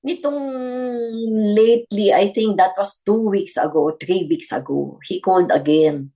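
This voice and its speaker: Her fairly low voice dark, slightly rough, and expressive, a grandmother shares her personal testimony on a radio interview without hurrying. She tells it earnestly, switching between Tagalog and English.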